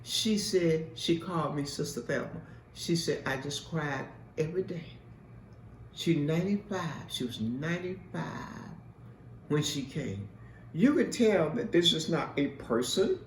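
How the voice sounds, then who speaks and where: Animated woman giving testimony, echoey and distant. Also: deep voice, slight background noise. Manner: emphatic and repetitive, preacher-like storytelling. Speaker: host and mentor. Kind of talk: spoken testimony.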